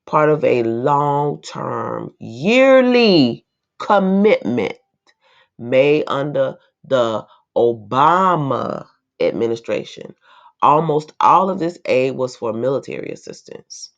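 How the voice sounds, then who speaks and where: A woman's voice: very deep voice, sing-song, slow, vocal fry. A woman reading an article aloud and breaking off into indignant, emphatic commentary. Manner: indignant, emphatic asides between read passages. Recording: slightly dull, lo-fi recording.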